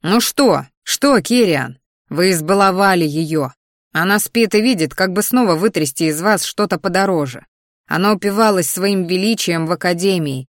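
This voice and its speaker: A woman's voice: on the low side, no room sound, clean studio sound, natural voice. A woman voicing a stern young male mage who talks to his family in a growling, sarcastic way.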